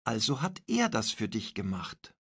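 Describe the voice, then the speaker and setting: A man voicing a friendly male art teacher who explains calmly, with a gravelly voice. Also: on the low side, moderate pace, heavily acted. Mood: explaining.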